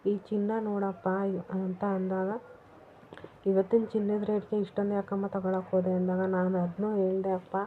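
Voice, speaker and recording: A woman's voice: mid-range voice, monotone, moderate pace. A woman casually retelling a TV serial episode, quoting the characters' lines as she goes. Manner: retells scenes, voicing each character's lines in quotes. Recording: tinny phone-like audio, faint noise.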